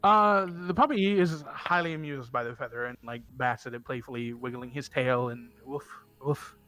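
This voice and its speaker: A man narrating as game master of a tabletop game, halting and restarting often. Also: medium pitch, bright, forceful tone. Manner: halting, with many fillers and restarts.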